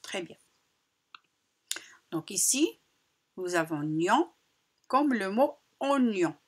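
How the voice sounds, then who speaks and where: Female teacher, slow and breathy, drilling children on sounds. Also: medium pitch, big pitch swings. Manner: slow, carefully articulated, repeats sounds for children. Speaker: primary school teacher. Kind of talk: phonics lesson for young children.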